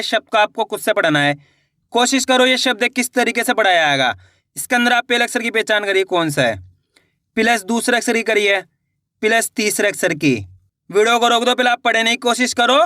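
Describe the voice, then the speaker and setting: A man teaching reading, sounding out each syllable slowly and then blending them into words, often repeating and asking the learner questions. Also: extremely high pitch, pushed and bright, dry recording, studio quality. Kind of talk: slow spelled-out reading lesson.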